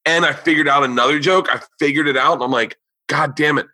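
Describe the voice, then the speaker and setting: A comedian hosting a podcast tells stories in a loose, profane way, acting out what people said in quoted voices during casual chat. His fairly high voice moves quickly with a sharp edge, and he seems to be losing it. The recording is dry.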